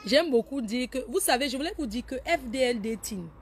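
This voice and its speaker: Animated woman chatting on a live stream. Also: sits high, fairly quick, a little hiss or hum. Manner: animated, teasing, laughs often, scolds viewers. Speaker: Facebook live host. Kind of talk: casual live-stream chat reading viewer names.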